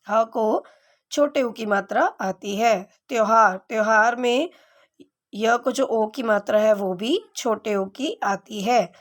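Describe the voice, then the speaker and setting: Woman teacher going thru spelling mistakes, kinda high voice, slow and patient. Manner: slow, explanatory, asks and answers own questions. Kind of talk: grammar lesson for children.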